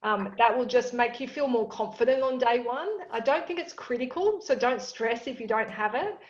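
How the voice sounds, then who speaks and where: A woman's voice: a little high, normal speed. A woman on a panel giving reassuring advice, with stop-start phrasing. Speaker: industry panelist. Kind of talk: panel discussion. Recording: roomy, dull-sounding audio.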